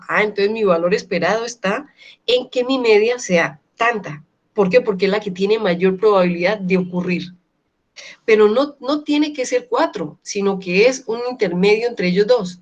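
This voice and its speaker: A woman lecturer teaching an online class, often checking in with her students and slowly repeating key words. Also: medium pitch, muffled recording. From Colombia. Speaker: university lecturer.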